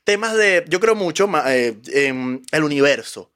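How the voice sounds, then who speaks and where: A man with a Venezuelan accent, a guest comedian, telling stories in a casual podcast chat with quick shifts in pace. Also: fairly high pitch, animated, a bit bright.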